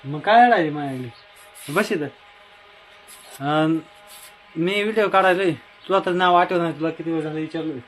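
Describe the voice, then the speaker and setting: This is a young man from Maharashtra filming a casual family vlog on his phone outside his house. His voice sits a little high for a man, and he rambles on, circling back to the same points. A faint hiss of outdoor noise stays underneath his talk. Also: moderate pace, pauses often. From Maharashtra, India. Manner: chatty and repetitive, often calling loudly to his wife. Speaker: family vlogger.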